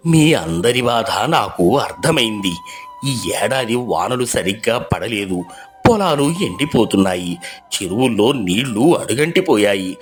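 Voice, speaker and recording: A man voicing an elderly, hard-of-hearing village headman in a storybook tale, speaking slowly and deliberately in a low voice. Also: expressive, natural voice. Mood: solemn. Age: older. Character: elderly deaf male village headman, slow and worried. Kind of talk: storybook voice acting.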